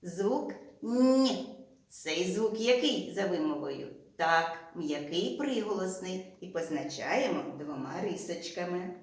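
A woman teacher with a Ukrainian accent leading a slow, deliberate reading lesson for young children, drawing out each sound and word. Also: lowish voice, animated, very echoey, distant mic. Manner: slow and drawn-out, stretching out sounds and words. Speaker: primary school teacher.

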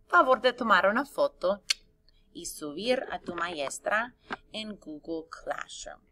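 A woman teacher giving a lesson to young children, speaking slowly and carefully and sounding out letters as she spells. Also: medium pitch, a bit bright.

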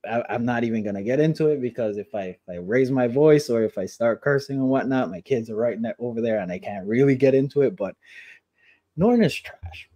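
A man co-hosting a casual anime review chat from home, talking passionately with halting starts and quick bursts. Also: mid-range voice, warm tone, dry recording. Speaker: co-host.

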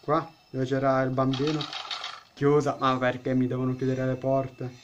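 A man's voice: mid-range voice, completely flat delivery, moderate pace, lo-fi sound, faint music behind. A man giving let's-play commentary on a horror game as a gaming YouTuber, joking, chatting with the game characters and blurting out startled exclamations.

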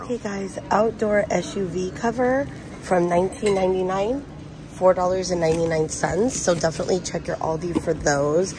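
A woman chatting casually to her phone camera as she walks a supermarket aisle, eagerly pointing out bargains. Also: lowish voice. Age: adult with a son. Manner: chatty, enthusiastic about bargains. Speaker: shopping vlogger. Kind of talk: casual shop-with-me narration. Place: indoors in a discount supermarket aisle. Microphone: handheld phone camera. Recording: store noise in the background.

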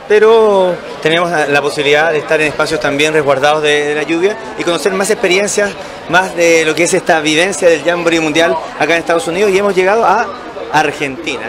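A man in his thirties with a Chilean accent, roving reporter interviewing scouts on a handheld mic. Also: on the high side. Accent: Chilean Spanish. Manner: upbeat, affirming with quick "excelente". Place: outdoor camp and crowded tent stand. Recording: busy crowd noise behind.

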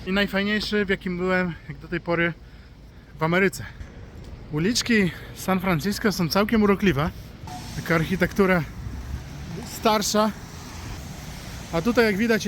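A man's voice: high-pitched, a bit bright. A man with a cold and sore throat, chatting casually in a travel vlog as he walks the city streets. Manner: chatty, self-deprecating, walking while talking. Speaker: travel vlogger. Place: city streets outdoors, and indoors at a hostel. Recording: noisy street with traffic.

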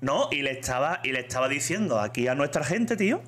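A man's voice: medium pitch, sing-song, brisk, fairly bright tone, soft background music. A man with a Spanish accent chatting casually on a live stream, reading chat aloud and saying "tío" a lot.

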